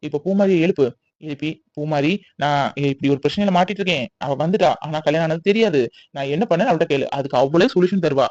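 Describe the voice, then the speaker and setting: Guy doing a nagging smart-mouth conscience voice, quick and highish, kinda lo-fi. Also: dry recording, close to an everyday voice. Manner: lecturing, mocking. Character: scolding male inner conscience, sarcastic.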